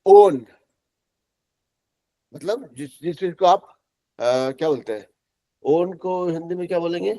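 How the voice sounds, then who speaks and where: A middle-aged man from Bihar teaching English pronunciation in a classroom, spelling words out letter by letter and repeating them slowly. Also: fairly high pitch, mellow. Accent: Bihari Hindi. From Bihar, India.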